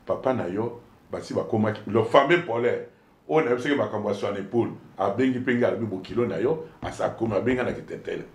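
A man with a Congolese accent, a politician being interviewed, telling his story in an animated, emphatic way and switching between two languages. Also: fairly low pitch, quick pace. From Democratic Republic of the Congo. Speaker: politician guest. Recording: echoey room.

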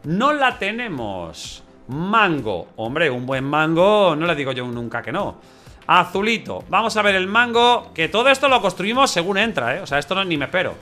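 A high-pitched man talks through a game in a loose, chatty way, keeps checking in with his viewers and breaks into excited outbursts. Faint music plays under his voice. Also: moderate pace. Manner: chatty, says 'vale' and 'ojo' often, excitable outbursts. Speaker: gameplay channel host. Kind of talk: casual gameplay commentary.

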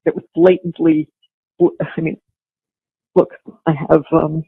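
An older woman talking casually over a tinny payphone line, husky and gravelly, hesitant with restarts. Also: sits low, little pitch movement, slow pace, dry recording. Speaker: caller on a recorded jail phone call. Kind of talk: casual phone conversation. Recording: dry, tinny phone-line audio.

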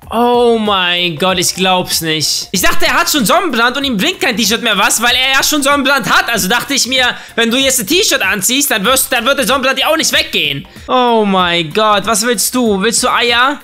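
Young male gaming commentator, bright animated read, jokey, faint music behind. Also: high-pitched. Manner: animated, joking, talks to the game characters. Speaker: gaming YouTuber. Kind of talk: casual let's-play commentary.

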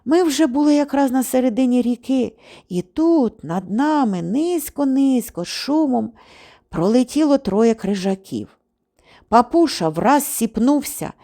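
A woman giving an expressive audiobook narration. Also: on the high side. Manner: lively, expressive reading. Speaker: audiobook reader.

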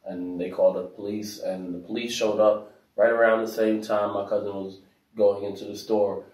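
A man from Africa telling a story in a casual discussion, soft-spoken with many fillers. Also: fairly low pitch, little pitch movement, moderate pace. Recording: roomy echo, mic at a distance.

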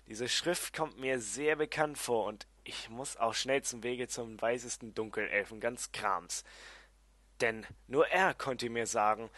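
A man's voice: medium pitch, a bit bright, no room sound. A man reading his own first-person fantasy story as an audiobook, with uneven delivery and some restarts. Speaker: amateur audiobook reader.

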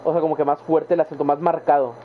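A man's voice: a little high, little pitch movement, quick pace. A young adult man with a northern Mexican accent, chatting casually and rambling in slang to his viewers during a live game stream. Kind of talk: casual chat while gaming live. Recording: tinny phone-like sound with faint background noise.

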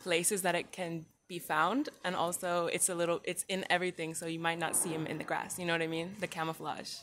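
A young university student from Sweden, answering casually in a frank, direct way. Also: female voice, on the low side, level tone, fairly quick, fairly bright tone, slight background noise. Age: young adult.

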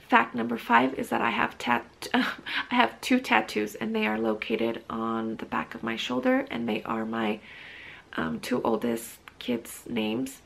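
A woman in her thirties talks casually to camera from her living room sofa, rambling with frequent restarts and ums. Her voice sits a little high and carries a heavy gravelly fry. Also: a bit bright, poor audio. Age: 30s. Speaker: vlogger.

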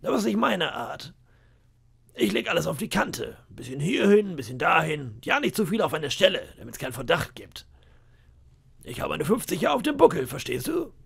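A man voicing a boastful, scheming pirate cook of about fifty, with a gravelly, raspy voice and a sly, bragging manner. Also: a little high, very animated, normal speed, fairly bright tone, pitched above the performer's own voice, heavily acted. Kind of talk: audiobook character voice.

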